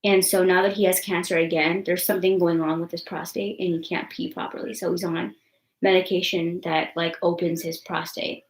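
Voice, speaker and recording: A woman's voice: on the low side, level tone, normal speed, echoey room, rough recording. Blunt, swearing young woman on a stream. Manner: blunt and defiant, swears freely; rambling, many likes and ums. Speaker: vlogger. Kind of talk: casual live-stream chat.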